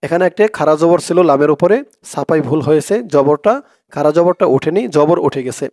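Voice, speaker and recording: A man with a Bangladeshi accent teaches Arabic prayers. He spells out the syllables quickly, then chants the whole words slowly. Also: fairly high pitch, darkish tone, no room sound, studio quality. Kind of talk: spelled-out recitation lesson.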